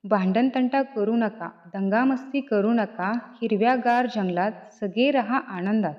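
A woman's voice: on the high side, unhurried, close to an everyday voice. A woman voicing a kindly old mountain. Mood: gently scolding. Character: kindly old male mountain, gentle and welcoming. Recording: dull lo-fi recording.

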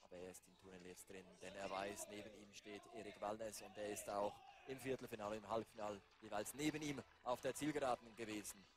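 A man doing live race commentary, building to excited calls near the finish. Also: on the low side, fairly quick, few pauses, a crowd in the background. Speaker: sports commentator.

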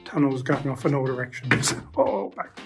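A man's voice: medium pitch, normal speed, vocal fry, loud music behind the voice. A man chatting casually as he films his walk through underground mine tunnels, his voice carrying a cave echo. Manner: relaxed, chatty, with small surprised remarks. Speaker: traveller filming a self-guided mine tour. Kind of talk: casual handheld walking commentary.

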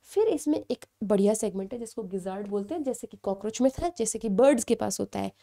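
A woman's voice: medium pitch, expressive, fast, vocal fry, warm tone. A young woman teaching an exam-prep biology lecture, explaining step by step, asking students questions and checking in often.

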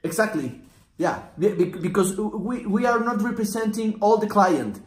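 Standing at a whiteboard in a small indoor room, a native Spanish-speaking man in his forties teaches a method as a systemic consultant. His high-pitched, expressive delivery is halting, full of pauses, fillers, and restarts, and he acts out client dialogue. The room is echoey.

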